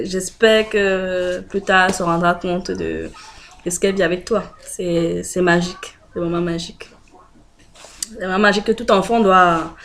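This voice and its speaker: A woman's voice: on the low side, a little hiss or hum. Chatty French woman vlogging to camera. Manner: chatty, hesitant with many fillers, laughs often. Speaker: video blogger. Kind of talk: casual direct-to-camera chat.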